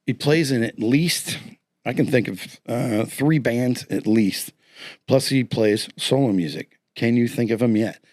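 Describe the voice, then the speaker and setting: A man's voice: mid-range voice, unhurried, a little mellow. A man hosting a casual talk show, playful and hyping up a guessing segment. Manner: playful, hypes up a game segment. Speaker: host.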